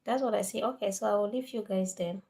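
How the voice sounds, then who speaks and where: A woman's voice: medium pitch, fast, creaky, mellow. A woman from Cameroon, chatting casually with viewers on a live stream and sometimes dropping to a near whisper.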